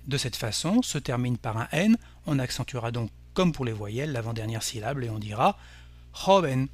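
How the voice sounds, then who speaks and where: A man teaching a language lesson, explaining rules slowly and carefully with example words. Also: mid-range voice, husky, no echo. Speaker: Spanish teacher. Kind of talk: scripted language lesson narration.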